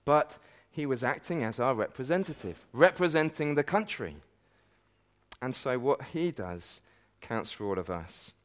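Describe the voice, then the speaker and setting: An Englishman preaching to a conference crowd in a plain, mid-pitched voice. He speaks earnestly and piles up emphatic phrases toward each peak, then drops into quieter, heartfelt lines. Now and then he slips in a wry aside about himself. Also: animated, a little slow. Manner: earnest, building to emphatic climaxes with self-deprecating asides. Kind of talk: sermon. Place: conference meeting hall.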